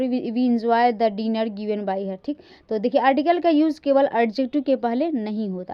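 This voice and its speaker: A woman with a fairly high voice gives a grammar lecture. She slows right down to read each example sentence and stresses every word, then checks in with her listeners before moving on. The recording is dull and lo-fi. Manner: often checks in with "ठीक". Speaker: English grammar teacher. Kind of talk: classroom lecture.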